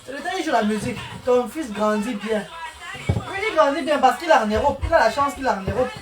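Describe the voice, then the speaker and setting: High-voiced woman chatting on a live stream. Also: lively intonation, a little fast. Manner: greets viewers by name, repeats phrases, talks while cooking; speaks of God and blessings. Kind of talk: casual live stream chat. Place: home kitchen. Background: music playing.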